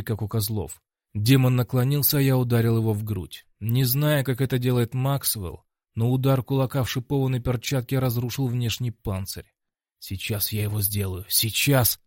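A man narrating an action audiobook in the first person, in an even, matter-of-fact manner. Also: medium pitch, no room sound, clean studio sound.

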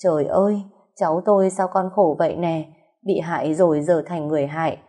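A woman voicing a shrill, wailing old female nanny in an audio story. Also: steady tone, fairly quick, warm tone.

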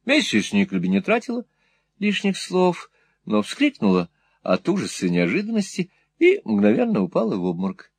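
A man reads a classic novel aloud with theatrical, animated storytelling. His fairly high voice rises and falls widely. It is recorded close to the mic in a dry, dead room. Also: normal speed, gravelly, breathy edge, no echo. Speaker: audiobook narrator. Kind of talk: expressive literary narration.

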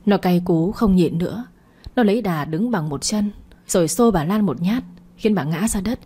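A woman reading a dramatic family story as narrator, in a steady storytelling way. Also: on the low side, normal speed, breathy edge.

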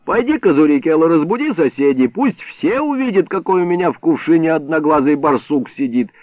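A man voicing a gruff, bullying old village man who shouts threats, in a tinny phone-like recording. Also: a little high, animated, fairly quick, dry recording, pitched above the performer's own voice, lightly acted. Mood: mocking. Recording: tinny phone-like band, dry.

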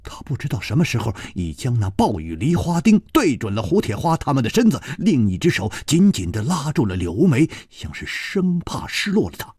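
A man narrating a traditional martial-arts story with dramatic, drawn-out emphasis. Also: mid-range voice, wildly swooping pitch, a little mellow, husky, no room sound, clean studio sound.

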